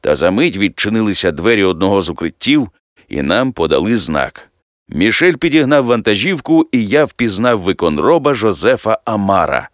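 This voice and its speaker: A man reading a science fiction audiobook aloud, expressive and lifting his voice for the dialogue. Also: on the low side, moderate pace, no echo, clean studio sound. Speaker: audiobook narrator. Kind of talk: scripted audiobook narration.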